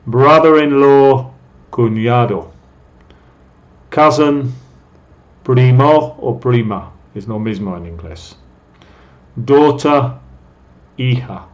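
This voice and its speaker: A man teaches English vocabulary to Spanish speakers, pronouncing each English word slowly before giving its Spanish meaning. His voice is medium-pitched, and the recording's highs are cut off.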